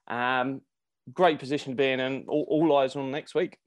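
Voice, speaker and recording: A man's voice: medium pitch, steady tone, moderate pace, no echo. A man giving casual sports analysis as a podcast co-host, thinking aloud and restarting his phrases.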